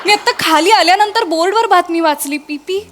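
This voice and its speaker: A woman's voice: very high-pitched, brisk, fairly bright tone. An actress playing a showy neighbour woman who gushes and mixes English phrases into her talk, in a stage comedy sketch. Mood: gushing apology.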